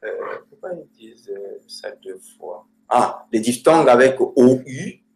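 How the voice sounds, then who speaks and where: A man teaching Romanian grammar to a student, slow and hesitant, with many fillers. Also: mid-range voice, animated, gravelly, a little mellow, reverberant.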